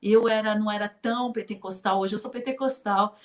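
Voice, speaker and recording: A woman's voice: medium pitch, brisk. A middle-aged woman from Brazil who teaches in children's ministry, giving an online conference talk and telling stories with acted-out dialogue and frequent laughter. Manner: lively storyteller, laughs often, acts out quoted dialogue.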